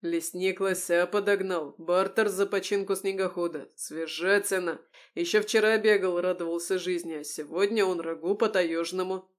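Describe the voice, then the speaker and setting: Woman playing a big gruff cook guy, loud and growly, scoffs at everything, storybook reading. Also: lowish voice, fairly even intonation, normal speed, natural voice. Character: burly gruff male cook, cynical and mocking.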